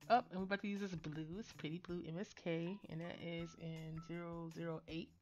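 A woman's voice: on the low side, little pitch movement, fairly quick, a little mellow, muffled recording, faint music behind. Chatty woman, rambling voice-over. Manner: chatty and rambling, many fillers and restarts. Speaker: nail art vlogger. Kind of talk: casual voice-over narrating a nail tutorial.

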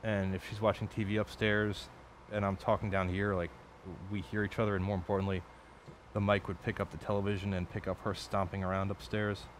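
A man with a fairly low voice talks his way through a late-night build at his home workbench. He rambles, swears and corrects himself as he goes. A faint hiss sits under the recording. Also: little pitch movement, fairly quick. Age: adult. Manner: rambling, profane, self-correcting. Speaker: electronics hobbyist streamer. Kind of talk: casual build commentary.

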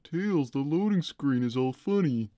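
A performer, a man, voicing a large, gentle, simple-minded cartoon cat chatting easily while playing a game. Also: fairly high pitch, lively intonation, a little slow, no echo, studio quality. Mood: innocent. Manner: simple, easygoing, innocent. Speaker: livestream co-host playing a game. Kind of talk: in-character casual game chat.

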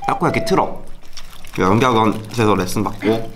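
A man's voice: on the low side, lively intonation, normal speed, background noise. A man hosting a food vlog, talking while chewing as he casually looks back on old memories. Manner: reminiscing, easygoing. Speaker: vlog host. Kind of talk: casual mukbang chat.

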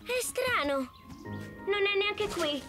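High boyish leopard cub, brave, caring, earnest cartoon leader, music underneath. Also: female voice, animated, takes it slowly, exaggerated voice. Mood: searching, eager. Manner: eager, earnest, reassuring. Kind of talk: animated children's cartoon dub.

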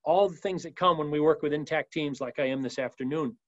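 A man with a fairly high voice teaches a business webinar in a lively, emphatic style. The sound is dry and a little dull, like audio from a video call. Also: brisk, no echo. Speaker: webinar presenter. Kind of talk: energetic business training talk. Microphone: video call mic.

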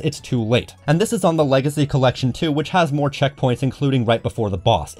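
A man reads a scripted game review at a rapid clip. His medium-pitched voice carries a sardonic, exasperated tone, with blunt, sweary phrasing. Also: a little mellow.

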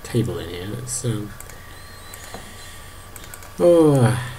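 A man in his thirties narrating a video game to his toddler, animated, exclaiming and making playful sound effects. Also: on the low side, very slow, slight background noise. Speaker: parent playing a video game.

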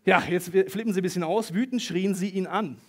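A man preaching a lively sermon to a congregation, reading Bible passages and acting out the quoted voices. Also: sits high, brisk. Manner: animated, acts out quoted voices, talks directly to the congregation. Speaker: pastor. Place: church service hall with an audience. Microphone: stage microphone.

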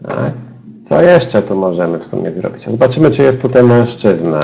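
Guy trainer doing a webinar demo, gravelly dark voice, kinda muffled lo-fi sound. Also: fairly low pitch, big pitch swings, normal speed. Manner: explanatory, addresses listeners directly. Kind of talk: webinar software demonstration.

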